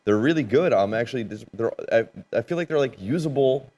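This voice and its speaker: A man's voice: mid-range voice, animated, fairly quick, darkish tone. A man co-hosting a casual live-stream chat, teasing his partner and switching between bursts of hype and mumbled asides. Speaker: co-host.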